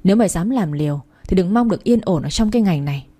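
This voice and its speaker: A woman voicing a cold, dismissive young man who speaks curtly, with a husky voice. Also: lowish voice, expressive, quick pace, dark tone. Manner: curt and dismissive.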